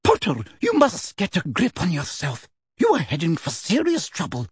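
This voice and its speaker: A stern, older female professor, voiced by a male narrator snaps out clipped, scolding words in a much higher voice. She sounds strict and sharp. The recording is dry and close. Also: wildly swooping pitch, moderate pace, slightly rough, no echo, exaggerated voice.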